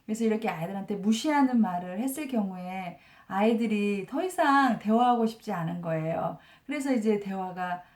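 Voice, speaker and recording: A woman in her forties, an elementary school teacher, calmly explaining a parenting book with many soft fillers. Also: mid-range voice. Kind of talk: explanatory book review talk. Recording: roomy echo.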